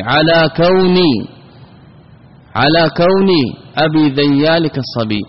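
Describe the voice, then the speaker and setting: Man teaching grammar in an echoing hall. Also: on the high side. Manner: explanatory, poses questions then answers them. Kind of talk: classical grammar lesson. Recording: dull, lo-fi, with long reverb.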